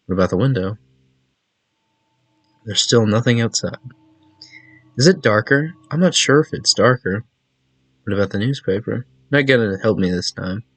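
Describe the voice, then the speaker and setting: A man's voice: on the low side, animated, moderate pace, long pauses, breathy edge, no room sound, rough recording. A man hosting a casual let's-play, joking and reading choices aloud, saying "sigh" and "cough" as words. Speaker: gaming video host.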